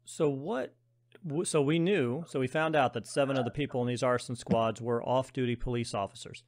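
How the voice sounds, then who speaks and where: A man's voice: mid-range voice, normal speed. A man hosting a podcast, asking long, curious questions and correcting himself aloud. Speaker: podcast host. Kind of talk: casual interview questions.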